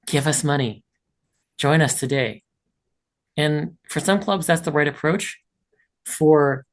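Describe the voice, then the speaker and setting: A man who is losing his voice, giving an encouraging online training presentation as a leadership trainer over a video call. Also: on the high side. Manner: encouraging, practical advice with asides.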